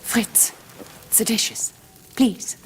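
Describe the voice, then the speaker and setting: An actress playing a German hostess with a German accent, polite and quietly commanding. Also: female voice, very slow, background noise. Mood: gracious, grateful. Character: gracious, firm German hostess and mother. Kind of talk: film drama dialogue.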